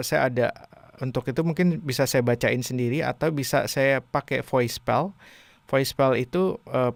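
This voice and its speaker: List: male teacher from Indonesia, casual lesson, gravelly voice, dry close sound. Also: mid-range voice, no echo. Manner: chatty, many fillers, reads English lines slowly then translates. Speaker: English teacher.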